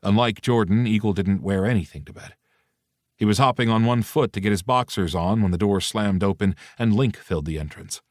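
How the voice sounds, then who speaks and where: A man narrating an audiobook in an even, matter-of-fact way. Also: lowish voice, brisk, no room sound, clean studio sound. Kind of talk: scripted narration.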